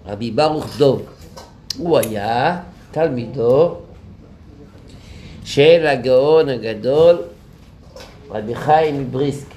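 A man's voice: mid-range voice, dark tone, slight background noise. A man giving a sermon at a memorial gathering, telling a story and rising emphatically into rhetorical questions. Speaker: rabbi giving a talk.

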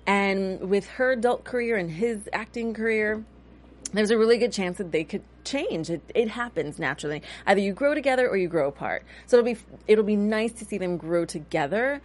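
A woman in her thirties hosting a casual TV recap chat, talking in a chatty, animated way with a touch of cynicism. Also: medium pitch, brisk. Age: 30s. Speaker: host.

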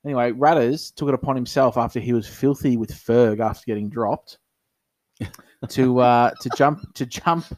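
A man's voice: mid-range voice, normal speed, darkish tone, no room sound. Easygoing man chatting. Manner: chatty, agreeable, casual with fillers. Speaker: podcast co-host. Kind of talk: casual chat.

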